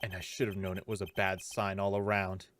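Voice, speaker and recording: A man's voice: sits low, level tone, fairly quick, fairly bright tone, a little hiss or hum, pitched below the performer's own voice. A man voicing a wary, brooding defense lawyer as he reads video game dialogue aloud.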